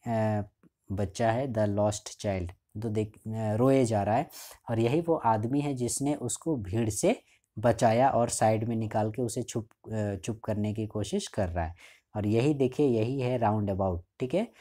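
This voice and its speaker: A male teacher giving a line-by-line explanation of a school chapter. He reads English lines slowly, then explains them in a casual way, often checking in with the students. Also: on the low side, mellow. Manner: frequent checking fillers.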